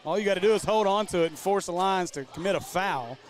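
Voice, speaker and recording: High-voiced man calling basketball play-by-play. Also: a little hiss or hum. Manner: quick, running call of the action. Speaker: play-by-play commentator. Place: basketball gym.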